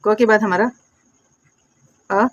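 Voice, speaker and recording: A woman teaching English phonics, patiently asking questions, answering them herself and repeating words slowly. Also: a little high, lo-fi sound. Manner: patient, calls viewers "my dear friends" and "beta". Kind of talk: classroom phonics lesson.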